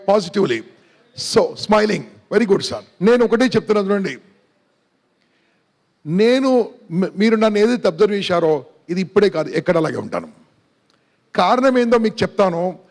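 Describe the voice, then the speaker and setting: Man, middle-aged, high-pitched, energetic seminar talk, questions the audience, mixes in English. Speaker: motivational speaker.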